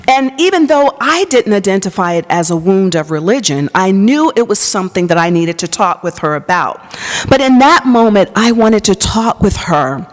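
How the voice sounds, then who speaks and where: A woman pastor giving an earnest personal testimony to an audience, telling her story and dropping to a soft whisper at intimate moments. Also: mid-range voice, big pitch swings, moderate pace. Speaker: pastor and psychologist. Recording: long hall reverb.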